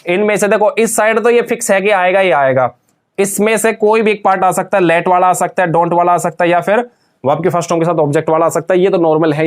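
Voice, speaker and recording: A man with a notably high voice leads an English grammar lesson for students. He drills them as he goes, asking a question and answering it again and again.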